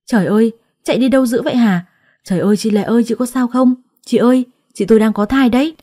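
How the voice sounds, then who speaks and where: A woman's voice: medium pitch, steady tone, fairly quick, mellow, close to an everyday voice. A woman voicing a blunt, scornful young sister. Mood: alarmed. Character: sharp-tongued young woman, protective sister.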